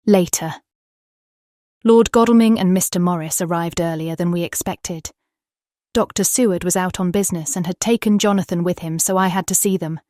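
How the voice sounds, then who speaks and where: For a dramatised audiobook, a British woman with a mid-range voice plays a tender young Victorian wife reading from her diary, earnest, expressive, and formal, in a lightly acted style. The studio-quality recording has no room sound.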